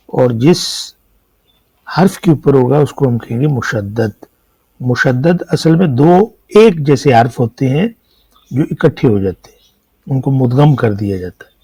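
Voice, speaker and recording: Husky, mellow man teaching Arabic script. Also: mid-range voice, no echo, low-quality recording. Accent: Pakistani Urdu. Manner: patient, explanatory, asks and answers own questions. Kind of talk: classroom lecture explaining script.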